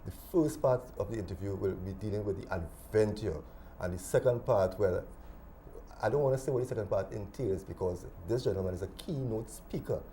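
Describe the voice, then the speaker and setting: A man hosting a studio TV interview, formal and welcoming, with soft humming acknowledgements. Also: on the low side, brisk, a little hiss or hum. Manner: formal, welcoming, with filler hums. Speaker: TV talk show host.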